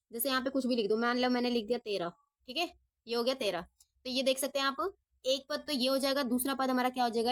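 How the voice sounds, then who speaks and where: Woman maths tutor, slightly high voice, patient, asks and answers her own questions. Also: a bit bright. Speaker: maths teacher. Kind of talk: step-by-step lesson.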